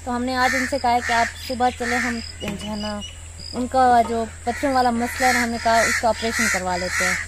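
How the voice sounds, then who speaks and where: A woman's voice: on the high side, fairly even intonation, normal speed. A woman vlogging in a casual chat to her viewers, earnest and prayerful, sweating in the heat. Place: outdoors in a village. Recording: loud outdoor noise behind.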